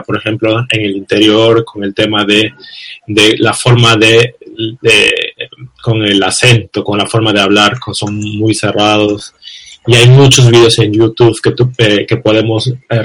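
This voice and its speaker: A man's voice: on the low side, a bit bright. A man interviewing a guest in a casual chat, often ending remarks with a questioning tag. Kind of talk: casual conversation.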